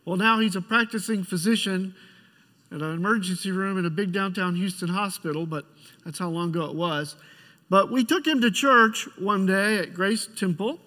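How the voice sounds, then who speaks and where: A middle-aged man preaches in a notably high voice, his words ringing in a big, reverberant church. His delivery is conversational and pastoral, moving through the sermon with pauses and halting restarts. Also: sharp tone. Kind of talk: church sermon with personal storytelling and prayer. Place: large church sanctuary. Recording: church hall with long reverb.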